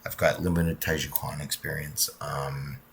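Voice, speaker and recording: A man in his thirties with a very deep, husky voice that is still rough from a cold. He hosts his own channel and talks loosely to his viewers, filling pauses with ums and uhs. His delivery wanders in a relaxed, casual way. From United States. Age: 30s. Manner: rambling, frequent ums and uhs. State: recovering from a cold, voice not clear. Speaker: martial arts channel host. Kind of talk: casual talk to camera.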